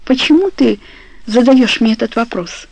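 A woman's voice: fairly high pitch, moderate pace, gravelly, darkish tone, no echo, pitched above the performer's own voice, low-quality recording. Woman reading as a hesitant, loving young wife. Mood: anxious.

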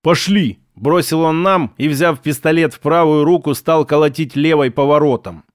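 A man reads a first-person audiobook in a steady, even storytelling manner. His voice sits somewhat high, and the recording is close and dry with no room sound. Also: moderate pace, no echo. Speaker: audiobook narrator.

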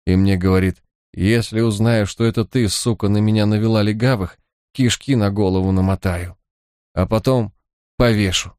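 A man doing a blunt, flat-voiced female thief. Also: lowish voice, normal speed, clean tone, no room sound, studio quality, lightly acted. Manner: flat, blunt and matter-of-fact.

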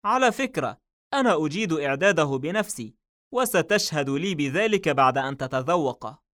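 A calm, confident male detective in a novel read aloud, voiced by a man. He speaks with quiet authority and is never rushed. The voice sits somewhat higher than the narrator's own. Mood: calm, firm. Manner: calm and assured, slightly raised pitch.

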